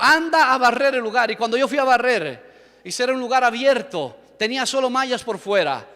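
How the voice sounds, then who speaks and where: A man with an Ecuadorian Spanish accent preaching a fervent sermon in a church, telling dramatic stories and building to shouts. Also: extremely high pitch. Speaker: pastor. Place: church hall. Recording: echoey church hall.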